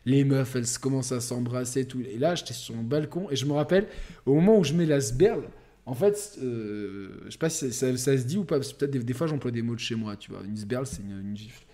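A young man co-hosting a podcast, telling a crude story in a rambling, animated way with lots of fillers. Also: medium pitch, fast. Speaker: podcast co-host. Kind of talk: casual storytelling chat.

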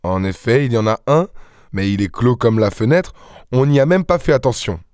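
A man's voice: mid-range voice, expressive, moderate pace, darkish tone, clear, resonant tone, no echo, studio quality, natural voice. A man voicing an impatient, sneering count. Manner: impatient, scoffing.

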